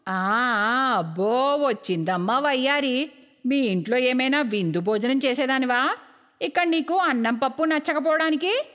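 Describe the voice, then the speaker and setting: A woman's voice: high-pitched, fairly bright tone, long reverb tail. A woman voicing a stingy, bossy middle-aged mother-in-law who scolds and mocks in a cartoon story. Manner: scolding, sarcastic.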